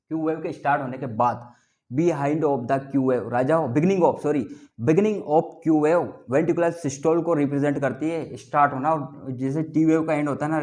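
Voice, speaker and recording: Speaking on the high side, this biology teacher keeps his class lively by having students echo terms back and playfully ribbing them, in a call-and-response lecture.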